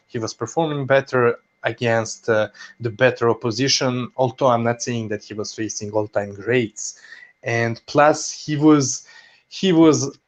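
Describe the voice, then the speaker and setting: Man, boxing podcast co-host, casual chat, halting with fillers, slow delivery. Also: medium pitch. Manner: halting, many fillers and restarts. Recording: dull lo-fi sound.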